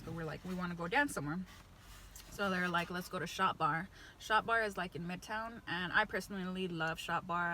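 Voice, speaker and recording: A woman's voice: fairly low pitch, a bit bright, a little hiss or hum. A young woman telling a casual, slangy story as she eats, chewing while talking. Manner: slangy, chatty. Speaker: vlogger.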